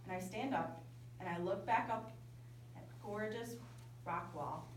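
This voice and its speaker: A woman camp speaker telling a story in a lively sermon to young people. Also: mid-range voice, unhurried, a little hiss or hum. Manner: lively, animated storytelling with quoted dialogue. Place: large indoor hall at a winter camp. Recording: echoey hall from far off.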